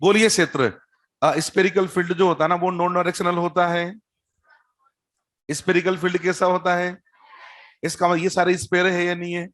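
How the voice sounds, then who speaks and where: A man's voice: high-pitched, level tone, moderate pace, pauses often, a bit bright. A man teaching a chemistry class, explaining step by step, repeating key terms, quizzing students and adding teasing jokes. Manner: teasing, joking asides. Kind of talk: classroom-style lecture at a board.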